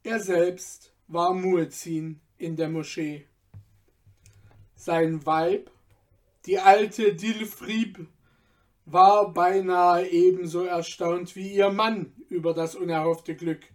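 A man narrating a fairy tale in a calm, measured reading style. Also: sits high. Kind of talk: scripted storybook narration.

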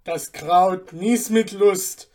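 A woman's voice: lowish voice, little pitch movement, a little mellow. A woman playing a sneering, mocking guest. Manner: mocking, smug, drawn-out. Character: sneering, mysterious male foreign guest. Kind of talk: storybook reading.

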